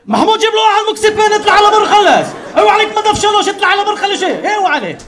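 A man's voice: on the high side, big pitch swings, pitched below the performer's own voice. A man voicing a young pharmacy clerk who is overly sweet to customers and barks orders to his coworker. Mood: polite. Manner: sweet and formal, then barking orders.

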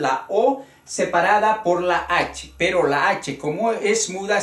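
Super slow deliberate teacher, counting syllables out, kinda far from the mic, roomy echo. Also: medium pitch. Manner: deliberate, spells out syllables one by one. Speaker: Spanish teacher. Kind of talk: spoken grammar lesson. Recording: echoey room, voice away from the mic.

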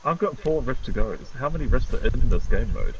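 A man co-hosting a game session, chatting excitedly, swearing and laughing at tense moments. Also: medium pitch, fairly quick, a loud crowd. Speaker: gamer co-host. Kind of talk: excited gameplay chat. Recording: game sounds noisy behind voice.

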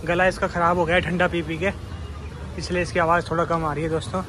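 A chatty vlogger films a tour of an outdoor market, talking fast in a high, level voice and often repeating himself. Loud crowd and traffic noise fills the recording, with soft music in the background.

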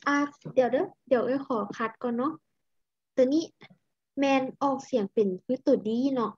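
Lao woman, English tutor, high, unhurried, dull call audio. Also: darkish tone, husky, no echo. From Laos. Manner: patient, corrects pronunciation slowly. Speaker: English teacher. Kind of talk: online tutoring. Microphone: video call. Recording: muffled video-call audio.

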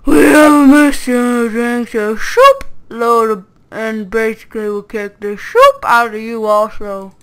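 A woman's voice: on the high side, steady tone, measured pace, few pauses, smooth. A young woman playing a video game with a friend, reading the characters' lines aloud in a silly, slurred voice. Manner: silly put-on drunk voice while reading characters. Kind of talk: casual let's play chat.

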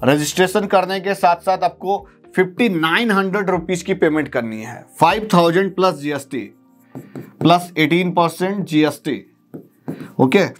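A man in his thirties explaining a step-by-step process to students in a teaching video, often checking in with a quick question. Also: high-pitched, faint music behind. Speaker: counselling guide. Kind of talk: explanatory lesson. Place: studio with blackboard.

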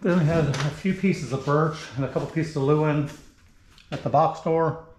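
A man's voice: on the high side, steady tone, moderate pace, darkish tone. Plain-spoken man in an echoey workshop. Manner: plain-spoken, step-by-step, talks through each move as he works. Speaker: woodworking channel host. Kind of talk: casual how-to narration while working. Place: home woodworking shop, indoors. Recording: echoey garage shop with faint noise.

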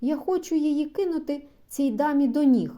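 A woman reading aloud and voicing a naive, hot-tempered bourgeois man who exclaims eagerly and protests loudly. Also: high-pitched, moderate pace, pitched above the performer's own voice, lightly acted. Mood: confiding. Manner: excitable, loud, exclaiming.

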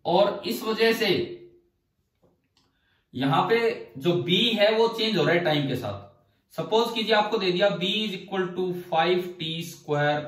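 A man's voice: high voice, a bit bright, roomy sound, distant mic, poor audio. A male physics teacher giving a classroom lecture. He asks the class questions, answers them himself and repeats key phrases to drive the points home.

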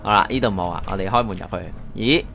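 A man's voice: low voice, quick pace, creaky, fairly bright tone, soft background music. A man with a Hong Kong Cantonese accent giving a casual, chatty game walkthrough, thinking aloud as he plays. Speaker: gaming YouTuber.

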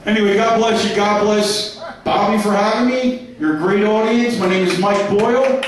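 A man's voice: high-pitched, steady tone, normal speed, background noise. A man doing a crude, brash stand-up set on a comedy club stage. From New York. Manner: crude, brash punchlines to a laughing crowd. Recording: echoey club heard from a distance.

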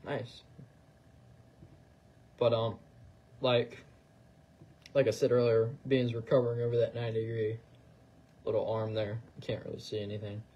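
A man chatting casually as he demonstrates fly tying on a livestream, relaxed and full of trailing phrases. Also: medium pitch, moderate pace, long pauses, slightly rough, lo-fi sound. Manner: relaxed, talks while working, fillers and trailing phrases. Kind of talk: casual instructional chat.

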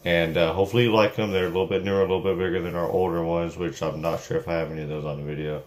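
A young man with a fairly low voice chats casually into a phone held at arm's length, upbeat and plain, with plenty of fillers. Vehicle noise and background sounds come through clearly around him. It sounds like a small business owner giving a quick update from his car. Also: little pitch movement. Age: young adult. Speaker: junk removal business owner. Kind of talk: casual vlog to camera. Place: in a car, then in a small room at home. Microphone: phone camera at arm's length.

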